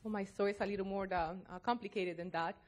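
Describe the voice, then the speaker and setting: A woman in her fifties from Costa Rica, a NASA civil servant telling her story on a panel in an earnest, halting way with many fillers. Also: medium pitch, fairly even intonation. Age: 50s. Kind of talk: panel talk, personal story.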